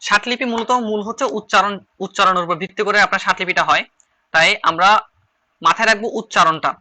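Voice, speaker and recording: A man with a Chittagong Bengali accent leads an online shorthand lesson in a high, fast voice. His tone is strikingly bright and sharp, and he repeats key phrases over and over as he writes them out. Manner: repeats phrases while writing on slides. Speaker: shorthand teacher. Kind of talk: online class lecture.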